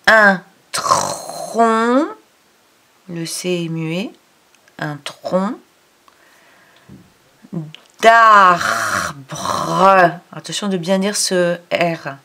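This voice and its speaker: A woman's voice: on the low side, steady tone, takes it slowly. A woman giving a reading lesson to a child, sounding out syllables and explaining patiently. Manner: addresses the child directly. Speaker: reading teacher.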